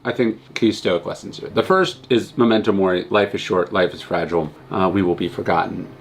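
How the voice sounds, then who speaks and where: A man's voice: lowish voice, a little hiss or hum. Earnest man explaining philosophy through film. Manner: earnest, emphatic, rising intensity on key points; verbal restarts, conversational. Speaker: host.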